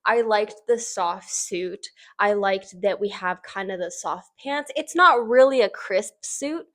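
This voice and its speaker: Speaking slowly in a mid-range, fairly bright voice, a woman hosts casual fashion commentary. She chats informally, sharing her own opinions and often using "like" for emphasis.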